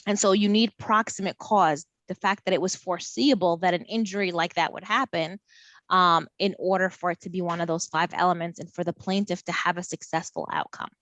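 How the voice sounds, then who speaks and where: A woman's voice: on the low side, a little fast, no echo, muffled recording. Chatty woman professor, dry sound. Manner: lively, chatty, repeats words. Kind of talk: college lecture over video call. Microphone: video call.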